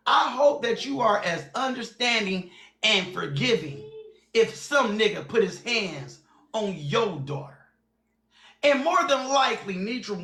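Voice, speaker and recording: A man's voice: extremely high pitch, creaky, pushed and bright, echoey room. A man in his forties hosting a livestream, talking bluntly and repeating phrases and names for emphasis. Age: 40s. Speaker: livestream host. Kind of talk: heated livestream chat.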